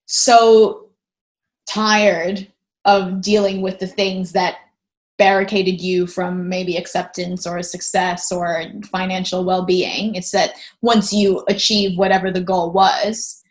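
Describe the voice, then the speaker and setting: A woman's voice: lowish voice, little pitch movement, slow pace. A woman hosting an interview over a video call, reflective and thinking aloud as she talks. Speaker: host. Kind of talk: casual interview conversation.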